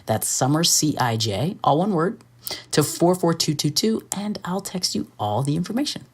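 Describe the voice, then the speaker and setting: A woman hosting a podcast in easy casual chat, playful and quick to laugh. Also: low-pitched, lively intonation, slightly rough. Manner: playful, laughs often, breezy. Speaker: podcast host.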